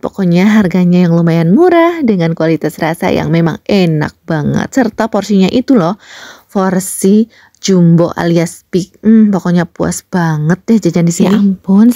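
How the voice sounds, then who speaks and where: A woman's voice: lowish voice, warm tone, dry recording, studio quality. A young woman, a homemaker from Indonesia, chatting playfully in a casual vlog voice-over to other mothers. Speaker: vlogger and homemaker.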